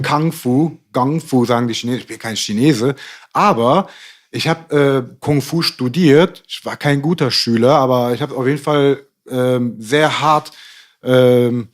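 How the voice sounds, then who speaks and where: A man's voice: mid-range voice, normal speed. Guy on a podcast rambling along, hesitant, ums everywhere, middle-aged. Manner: rambling, hesitant with many fillers. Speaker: podcast guest. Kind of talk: casual discussion.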